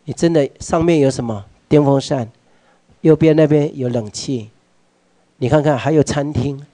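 A somewhat high, mellow male voice with a Taiwanese accent, lecturing a workshop audience in a meeting hall. He fires questions at listeners and drops in Hokkien phrases. His delivery swings from hushed asides to loud urging, recorded close and dry. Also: normal speed.

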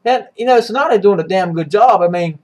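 Man, casual comic recap, swears a lot, rambles, slightly higher voice. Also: fairly quick, rough recording. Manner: rambling, swearing, many restarts. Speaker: manga reviewer.

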